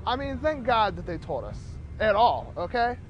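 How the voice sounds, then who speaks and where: A man's voice: high voice, very animated, normal speed, lo-fi sound, faint music behind. A man playing a defensive, panicky sleazebag in a mock news interview, insistent and agitated.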